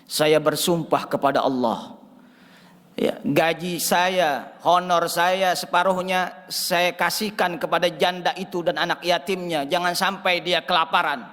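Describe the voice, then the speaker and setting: A man's voice: high-pitched, steady tone, a little slow, fairly bright tone. A man voicing a humble, repentant man who confesses his faults with shame and sincerity. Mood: sincere vow. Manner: confessional, self-deprecating. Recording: reverberant mosque hall.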